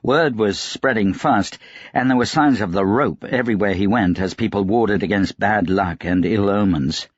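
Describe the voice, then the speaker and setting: A male narrator reads a fantasy novel in a measured, even storytelling manner. His voice is low with a husky edge. The recording is close and dry, and it sounds slightly dull. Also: no room sound. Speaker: audiobook narrator. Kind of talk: scripted narration.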